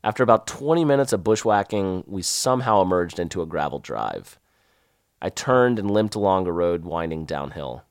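A man with a Southern accent tells a story of his own in a wry, lively first-person way. His voice is on the low side but swings widely in pitch. The sound is dry and close. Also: moderate pace, clear, resonant tone, no echo.

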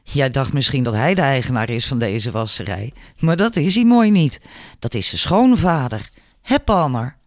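A man voicing Janet, a sharp-tongued, cocky female laundry worker with a sassy, taunting manner. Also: medium pitch, lively intonation, moderate pace, no echo, clean studio sound, lightly acted.

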